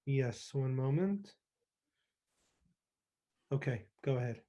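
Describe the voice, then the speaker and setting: A man's voice: medium pitch, animated, takes it slowly, dark tone. A man moderating an online forum on a video call, briefly and politely handing over to speakers. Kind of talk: running an online panel. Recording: dull, distant video call audio.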